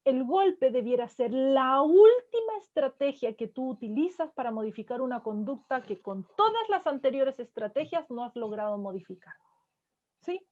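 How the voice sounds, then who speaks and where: A woman counselor giving a parenting lecture to an audience, checking in with her listeners again and again through short tag questions. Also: a little high. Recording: dull lo-fi sound.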